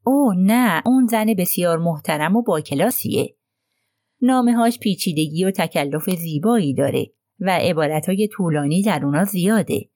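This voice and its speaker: A woman voicing a hesitant, gentle young gentleman who falters as he speaks in an audiobook. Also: on the low side, expressive, dry recording, clean studio sound, close to an everyday voice. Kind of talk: audiobook reading.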